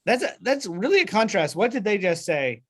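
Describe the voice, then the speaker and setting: A man's voice: high voice, very animated, fairly quick. A man leading a Bible study over a video call, explaining with many fillers and restarts and asking the group questions.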